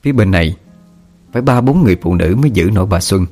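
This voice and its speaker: A man narrating a story in a steady, somber way. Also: low-pitched, fast, soft background music. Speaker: audiobook narrator.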